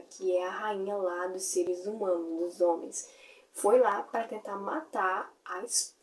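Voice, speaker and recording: A woman's voice: medium pitch, a little mellow, recorded from a distance. A woman recapping a fantasy novel in a casual, chatty way, full of fillers. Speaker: book reviewer.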